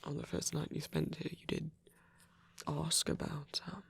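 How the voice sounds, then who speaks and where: In a soft ASMR roleplay, a man plays a lonely, gentle old vampire priest, speaking tenderly and haltingly in formal language, breathy and often close to a whisper. The voice is a little high, exaggerated, and flat in pitch, with a hesitant, embarrassed mood.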